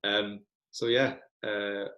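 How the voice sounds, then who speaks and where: Young Scottish man, low voice, relaxed chatty podcast guest, echoey room. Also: slow pace, dull audio. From Scotland. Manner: chatty, self-deprecating, many ums. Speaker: guest football fan. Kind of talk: casual podcast chat.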